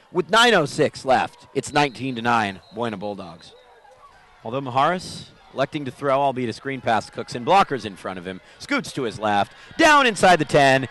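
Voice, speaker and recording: A high-pitched man calls a night football game play by play. His voice climbs into loud, excited calls whenever a big play breaks. He sounds like he is at an outdoor stadium. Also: clear, resonant tone. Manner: excited calls that rise sharply on big plays. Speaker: play-by-play announcer. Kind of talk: live football commentary.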